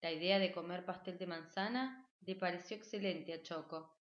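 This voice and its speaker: A woman's voice: fairly low pitch, steady tone, normal speed, echoey room, muffled recording. Woman reading a children's storybook. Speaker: audiobook narrator.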